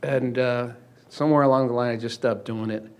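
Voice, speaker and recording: A man's voice: medium pitch, steady tone, fairly quick, clear, resonant tone. A man in his seventies sharing casually about himself in a group talk, hesitant and rambling. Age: 70s.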